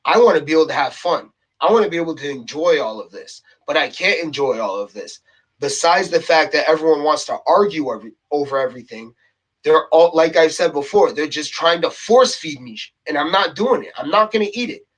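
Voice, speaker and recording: A man's voice: fairly high pitch, expressive, a little fast, fairly bright tone, rough recording. A man ranting on his own to camera, heated and exasperated, a little out of breath, who keeps repeating himself and tags his points with "okay?". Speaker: vlogger. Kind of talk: casual rant to camera.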